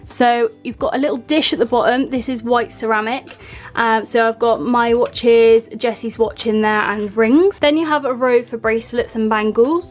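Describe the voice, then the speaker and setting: A woman in her twenties giving a casual, chatty room tour as a vlogger, gushing enthusiastically about her things. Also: fairly high pitch. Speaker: home and lifestyle vlogger. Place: small furnished bedroom, indoors. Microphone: handheld compact camera at arm's length.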